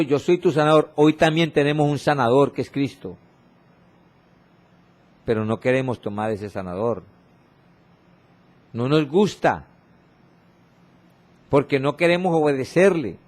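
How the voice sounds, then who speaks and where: A man preaching a sermon, reading scripture slowly and repeating exhorting refrains, with his voice often dropping low and soft for emphasis. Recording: radio broadcast of a church sermon.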